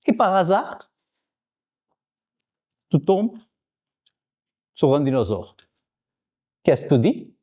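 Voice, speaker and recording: Animated, mellow-voiced Portuguese man. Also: fairly high pitch, slow, pauses often. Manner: animated, repeats words to drill them. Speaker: vlogger. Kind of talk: casual language-learning vlog.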